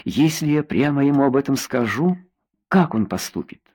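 A man's voice: mid-range voice, expressive, normal speed, a little mellow, breathy edge. A man narrating an audiobook in the first person, reading expressively.

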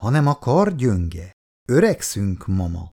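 A man's voice: on the low side, sing-song, darkish tone. A man reading aloud and voicing a wry, grumbling older working-class husband with a dry sense of humor.

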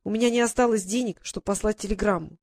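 A woman voicing a timid young woman in an audiobook, speaking gently and shyly. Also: mid-range voice, fairly even intonation, fast talker, no echo, clean studio sound, close to an everyday voice. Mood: pleading. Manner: gentle, shy and pleading. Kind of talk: audiobook character reading.

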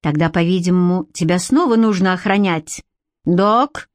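A woman with a fairly low, near-everyday voice takes the role of a cynical Viking warrior, coldly and curtly ordering his captive about. She talks at a normal speed, recorded in studio quality with no room sound.

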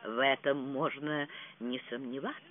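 A reader voicing a quiet, dryly deferential older lady's maid in an audiobook. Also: medium pitch, steady tone, normal speed, voice pushed down, close to an everyday voice. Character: dry, low-voiced older lady's maid. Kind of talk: audiobook reading. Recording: tinny phone-like sound.

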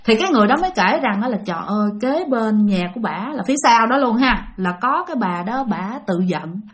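A woman's voice: a little high, lively intonation, fast. A woman hosting a channel, telling listener-sent ghost stories in a chatty way and often speaking to her audience directly. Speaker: storytelling channel host. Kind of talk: spoken ghost-story narration.

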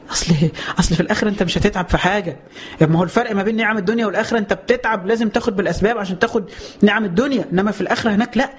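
An Egyptian-accented man preaches in a high, quick voice, in a lively colloquial way. He piles up rhetorical questions and drawn-out exclamations, then slows down to recite scripture. The pace stays brisk between the recitations. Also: a little hiss or hum. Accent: Egyptian Arabic. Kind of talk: colloquial religious lesson with slow scripture recitation.

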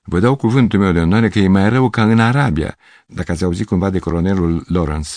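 A man's voice: low voice, darkish tone, dry recording, close to an everyday voice. A man voicing a fussy, flustered middle-aged male piano teacher who rambles and over-explains. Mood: fretful.

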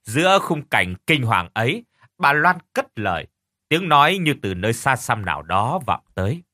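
Expressive male horror storyteller. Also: medium pitch, normal speed, no echo, clean studio sound. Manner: dramatic, expressive. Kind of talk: scripted horror story narration. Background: faint music.

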